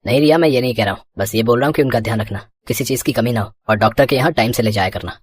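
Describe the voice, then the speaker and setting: A woman's voice: extremely low pitch, rapid-fire, husky, no room sound, pitched below the performer's own voice. A woman voicing a stern, protective young adult son who scolds his wife in a storybook cartoon.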